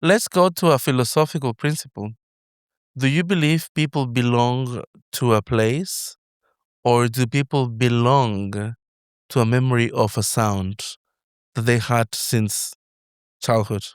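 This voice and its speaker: A Mexican-accented man hosts an interview podcast, leading into his questions with long personal stories. His voice is smooth and resonant. The sound is close and dry. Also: mid-range voice, fairly even intonation, a little slow, no echo. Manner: expansive, storytelling questions. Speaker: podcast host. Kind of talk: casual interview.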